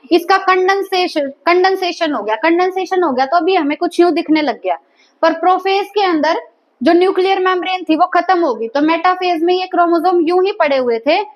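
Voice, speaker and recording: A woman's voice: very high-pitched, dull audio. A woman teaching a biology class, asking her students questions and repeating their answers. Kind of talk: classroom lecture.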